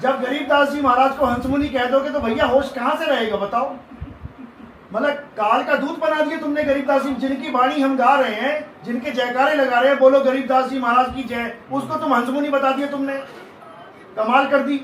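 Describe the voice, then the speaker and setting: A man with a sore throat argues in a live religious debate, pressing his questions loudly and insistently. His voice sits very high. The recording is echoey, picked up from some distance, with faint noise behind. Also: steady tone, moderate pace. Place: room with a loudspeaker.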